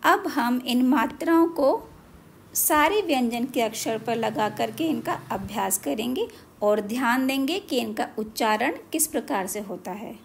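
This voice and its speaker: A woman's voice: a little high, expressive, measured pace, creaky, breathy edge. A woman teacher giving a beginners' alphabet lesson, carefully spelling out each syllable one at a time.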